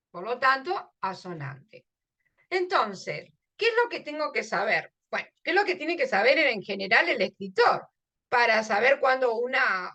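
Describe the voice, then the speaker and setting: A woman's voice: high voice, sharp tone. A woman explaining a literature lesson, emphatic and often checking in with her listeners. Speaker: literature teacher.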